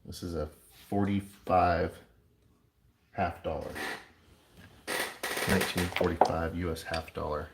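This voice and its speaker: A man casually narrating his coin ring making as he works, chatty and relaxed, with playful sound words. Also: low voice, slow pace, long pauses. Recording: echoey room with clear background noise.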